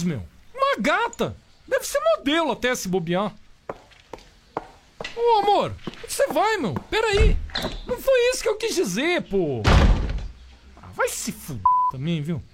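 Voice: extremely high pitch, very noisy, heavily acted. A performer voicing a grumbling, envious rich husband in a comedy radio sketch, whining at everything. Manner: whiny, exasperated, keeps saying "meu". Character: envious rich middle-aged man, grumbling cartoon husband.

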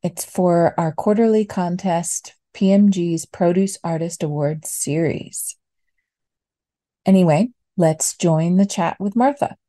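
A woman's voice: on the low side, slow, mellow. A woman reading a friendly scripted podcast introduction and announcements.

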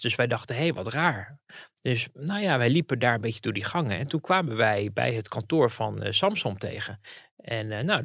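A man's voice: medium pitch, no room sound, studio quality. A man, a political commentator, telling anecdotes in casual podcast chat and acting out the people he quotes. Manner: lively storyteller who acts out the people he quotes.

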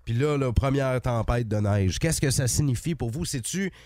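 A man's voice: medium pitch, normal speed, darkish tone, no room sound, clean studio sound. A man with a Quebec French accent hosting a morning radio show, jokey and loose in his banter.

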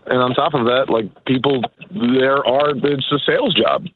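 A man's voice: medium pitch, normal speed. A man calling in as a guest, explaining his work casually with plenty of fillers. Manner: explains with fillers, relaxed and matter-of-fact. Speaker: guest, traveling bartender. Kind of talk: casual interview chat. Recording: tinny phone line with faint hiss.

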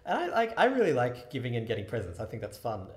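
A man's voice: medium pitch, huge pitch swings, quick pace. Guy, podcast co-host, teasing and chatty, heavy big-hall echo from an empty hallway over a video call. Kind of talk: casual chat. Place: dark empty school hallway, indoors. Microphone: Skype video call.

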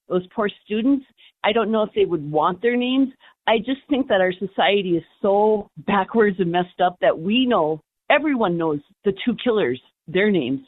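A radio show caller, a woman speaking earnestly and with quiet indignation. Her voice comes over a thin, tinny phone line. The sound is dry and close, with no room around it. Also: mid-range voice, no echo. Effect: calling in over a phone line. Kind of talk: call-in radio talk.

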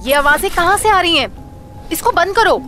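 A man's voice: very high-pitched, expressive, moderate pace, bright, forceful tone, soft background music, pitched above the performer's own voice, exaggerated voice. A male narrator voicing a flustered young woman schoolteacher who talks in an anxious, scolding way. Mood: alarmed.

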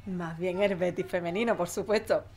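In an audio drama, a woman with an Andalusian accent plays a chatty, cheerful neighbour, an office-worker mother and keen football fan, delivering conversational lines in an effusive, folksy way. Her voice is on the low side, steady and darkish, at a moderate pace.

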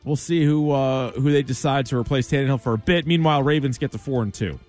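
A man hosting a sports show, running through scores and highlights in a conversational way. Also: quick pace, darkish tone, faint music behind.

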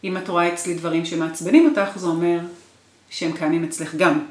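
A woman's voice: lowish voice, fairly even intonation. A woman in her forties in an interview, recounting her marriage with emotional, repetitive intensity. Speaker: guest. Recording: roomy echo.

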